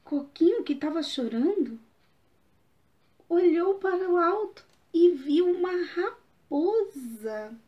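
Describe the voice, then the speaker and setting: Slow, high-voiced storyteller woman. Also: expressive, mellow. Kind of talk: children's story reading. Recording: dull lo-fi recording.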